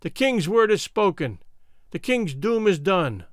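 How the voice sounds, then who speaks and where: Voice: medium pitch, big pitch swings, measured pace, no echo, studio quality. A man reading an audiobook voices a wizened, monkey-like herald with a thin, piping voice that shrills out proclamations.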